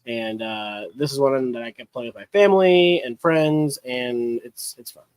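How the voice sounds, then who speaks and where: A man's voice: mid-range voice, moderate pace, smooth, dry recording. A man who designs games talks as a guest on a podcast in an easygoing way, explaining with many fillers. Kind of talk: casual chat.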